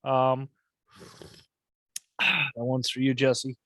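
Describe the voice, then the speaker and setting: Male podcast host, relaxed rambling delivery, casual cursing, dry close sound. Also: medium pitch, drawn-out words, no room sound. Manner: laid-back, swears freely, rambling.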